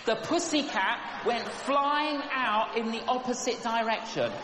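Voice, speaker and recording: Preacher telling a story in an echoey hall. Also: male voice, very high voice, a little slow. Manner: lively, rhythmic storytelling with repetition. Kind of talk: storytelling sermon. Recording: echoey hall with background noise.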